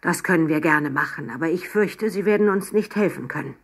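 A woman voicing a kindly, gentle old male professor in a children's storybook. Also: low-pitched, brisk, gravelly, breathy edge, full character voice.

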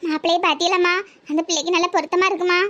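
An anxious middle-aged village mother in a cartoon comedy, voiced by a performer, firing off worried questions in a Tirunelveli Tamil accent. her voice is very high and squeaky. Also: level tone, racing, sharp tone, highs cut off.

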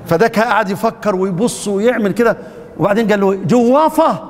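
A man's voice: sits high, fast, big-room sound. A man with an Upper Egyptian accent teaching Quran recitation in a casual classroom lecture, quizzing his students and joking with them. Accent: Upper Egyptian Arabic. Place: mosque lesson hall.

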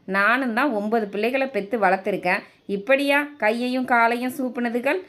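A woman's voice: fairly high pitch, moderate pace, fairly bright tone, lightly acted. A woman voicing a defensive, grumbling elderly grandmother in a storybook quarrel, sarcastic and sulky.

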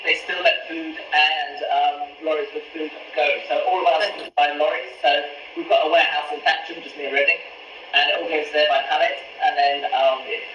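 A man with a slightly high, sharp-toned voice, a pasta supplier, explains each cooking step as a guest on a live stream. He's in his home kitchen, heard through a video-call camera a few feet away, so the sound is echoey with slight background noise.

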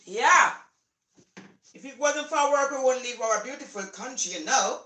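An older Jamaican woman talks freely to her camera while she cooks, with a bright, high voice. Her speech drifts into patois, and laughter breaks through it. The phone sits on the counter, and the kitchen gives the sound an echo. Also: unhurried. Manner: chatty, mixes patois into speech, laughs often. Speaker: cooking vlogger. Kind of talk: casual chat while cooking. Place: home kitchen. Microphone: phone camera set on the counter.

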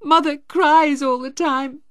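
A woman reading a storybook voicing a distraught teenage girl, high and tearful. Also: unhurried, no echo, clean studio sound.

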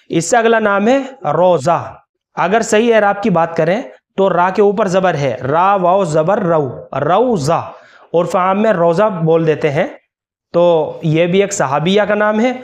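Male cleric, higher-pitched voice, patient lesson delivery spelling out names slowly. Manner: slow, careful spelling-out of names. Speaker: Islamic scholar. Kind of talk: religious instructional talk.

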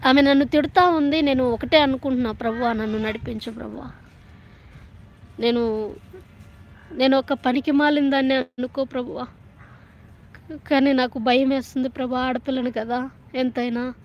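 A woman evangelist of about thirty tells her personal religious testimony. Her voice sits high, and she speaks with earnest feeling, often restarting her phrases as she recalls the story. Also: fairly even intonation, moderate pace, pauses often, lo-fi sound, slight background noise. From Telangana, India.

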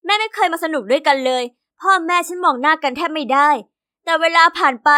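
A woman narrates an animated diary story in the first person as a young girl. Her voice sits very high and sounds bright and ringing. Her delivery is lively and expressive, in a scripted storytelling style.

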